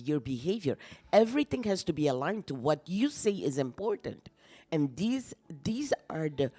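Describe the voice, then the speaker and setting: A woman's voice: low voice, darkish tone. A woman co-hosting a wellness talk show, explaining her points in an earnest way. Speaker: co-host. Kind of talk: casual talk show chat.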